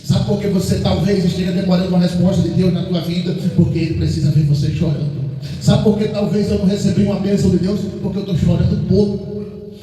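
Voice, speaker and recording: A man's voice: high voice, fairly even intonation, fast, warm tone. A man, preaching a sermon as pastor, emphatic and full of repeated rhetorical questions. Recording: echoey hall, distant mic, faint noise.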